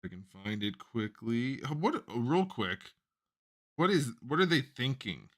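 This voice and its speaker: A man hosting a casual live-stream chat, blunt and quick to laugh, thinking aloud with plenty of fillers. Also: medium pitch, big pitch swings. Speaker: host.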